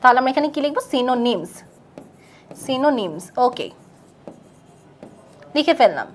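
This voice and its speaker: A woman teaches a live online English class in a high voice. She quizzes her students, repeats their answers back, and reads test sentences out slowly. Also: big pitch swings, slight background noise.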